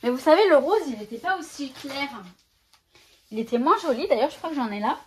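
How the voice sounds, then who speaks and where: A high-pitched, animated woman speaks a little fast as she chats with viewers in her scrapbooking haul video, showing and handling new stickers and often correcting herself mid-sentence. Slight background noise can be heard.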